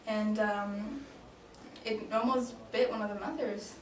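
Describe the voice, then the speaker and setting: A woman from Denmark in her late twenties answers mock interview questions in a mid-range voice, keeping a steady tone and a measured pace. The improvised exchange is casual, and she hesitates a lot with ums and restarts. Echo fills the room, the microphone is distant, and slight noise is audible.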